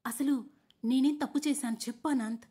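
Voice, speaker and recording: A woman voicing a heartbroken young fiancée who pleads and demands loudly. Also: fairly high pitch, fairly quick, natural voice. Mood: distraught. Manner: pleading, rising to loud demands.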